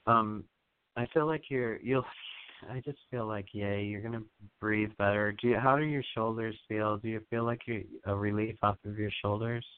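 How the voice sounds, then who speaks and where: A man hosting a radio psychic reading, guiding a caller through breathing in a soothing, halting way with many fillers. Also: lowish voice, steady tone, clean tone, no room sound. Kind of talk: spiritual energy reading on air. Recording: phone-like narrow sound.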